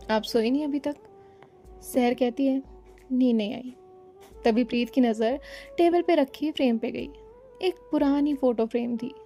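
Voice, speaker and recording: Female storyteller, high and warm, soft music bed beneath. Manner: reads every character's lines in her own voice, calm and even. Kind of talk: scripted story narration.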